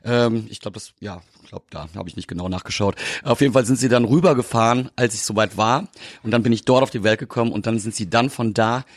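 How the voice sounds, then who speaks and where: Low-voiced male guest, wry and hesitant, dry studio sound. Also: fast, no echo. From Cologne. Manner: hesitant, many fillers, wry storytelling. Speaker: guest, tour company co-founder. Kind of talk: casual podcast interview.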